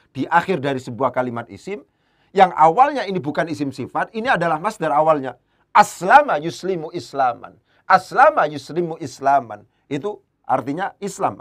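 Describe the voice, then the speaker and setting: Man teaching Arabic grammar. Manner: explains patiently, repeats key terms and stresses them; rises in pitch and volume when driving a point home. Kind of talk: evening lesson lecture.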